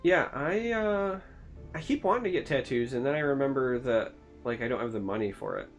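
A man's voice: medium pitch, animated, a little fast, highs cut off, soft background music. A man from Michigan co-hosting a casual chat, wry and self-deprecating in his jokes. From Michigan, United States. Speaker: co-host.

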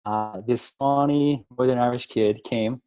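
A man's voice: medium pitch, steady tone, a little slow, warm tone, clear, resonant tone, no room sound. A man, a pastor in his thirties, chatting as a guest on a podcast and laughing often. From New York. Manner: laughing, friendly, talkative. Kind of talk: casual chat.

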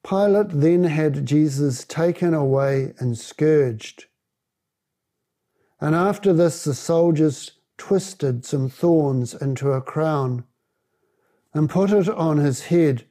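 Slow, mellow male scripture reader. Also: a little high. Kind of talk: scripture reading.

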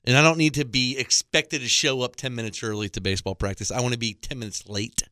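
A man's voice: mid-range voice, fairly even intonation, quick pace, bright, forceful tone, dry recording, studio quality. A man in his thirties telling a rambling, exasperated comic story into a microphone, with self-mocking asides. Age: 30s. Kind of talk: comedic monologue. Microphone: studio microphone.

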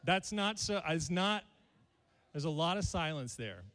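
A man's voice: on the high side, animated, unhurried, fairly bright tone, in a large hall. A male pastor, preaching a sermon to his congregation and joking with them. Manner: playful, jokes with the congregation.

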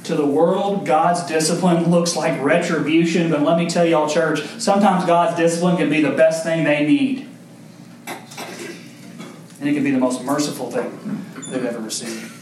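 A man's voice: on the high side, steady tone, moderate pace, darkish tone, a little hiss or hum. A young man preaching a sermon, speaking directly to his congregation and building in intensity. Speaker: pastor. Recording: echoey hall, mic far off.

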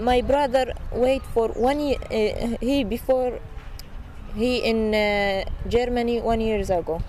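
Young Syrian woman with an Arabic accent, halting broken English, earnest interviewee, noisy outdoor field recording. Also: a little high, warm tone. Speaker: refugee interviewee. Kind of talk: casual interview. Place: refugee camp outdoors.

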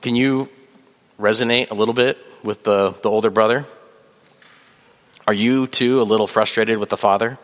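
A man with a lowish voice preaches a sermon in a measured way, pausing on fillers and reading scripture aloud. His voice carries a long reverb, as in a church hall. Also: fairly even intonation. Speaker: pastor.

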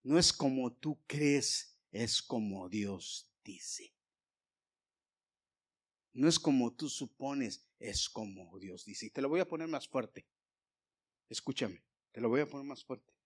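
A male pastor preaching a sermon, swinging from loud emphasis to hushed whispers and speaking straight to the congregation. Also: medium pitch, animated, takes it slowly, pauses often, slightly rough. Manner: addresses the congregation directly, asking for amens.

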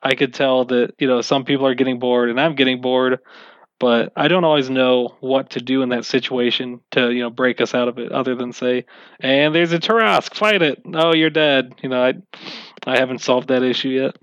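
A man talks loosely and at length about running games, with a wry, self-mocking humour. His voice sits at an ordinary middle pitch. The recording is dry and a little dull. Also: flat delivery, brisk, clear, resonant tone, dry recording. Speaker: game master being interviewed. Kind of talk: casual interview answers.

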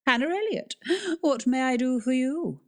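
A woman's voice: high-pitched, animated, moderate pace, voice pushed up. A woman voicing a haughty, regal woman librarian who speaks in a clipped, commanding way.

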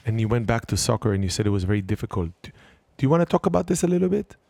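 A man's voice: medium pitch, big pitch swings, very fast, creaky, mellow, no echo. A man hosting a casual family chat, playful and joking, teasing the others. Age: adult. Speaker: host of a family sports show.

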